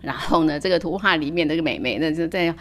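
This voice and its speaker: A woman reading a picture book aloud to children, animated, with playful sound words and hushed asides. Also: low voice, fast. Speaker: storyteller. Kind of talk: storybook read-aloud for children.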